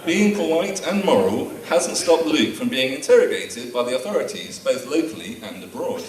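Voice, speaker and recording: This best man reads his wedding speech from prepared notes, teasing with dry humour in a very animated, slightly high voice at normal speed. The reception room echoes, the recording was made from far away, and it is very noisy.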